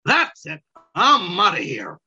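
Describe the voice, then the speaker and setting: A man's voice: sits high, huge pitch swings, slow, slightly rough, dull audio, soft background music, pitched above the performer's own voice, exaggerated voice. A man voicing a small, rude, snide male weasel who snaps and sneers with contempt. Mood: snappish. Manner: snappy, contemptuous, shouts.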